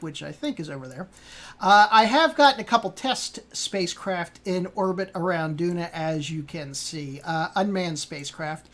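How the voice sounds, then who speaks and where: Low-voiced woman rambling through gameplay. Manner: rambling, many fillers and self-corrections. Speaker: host. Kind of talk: casual gameplay walkthrough commentary.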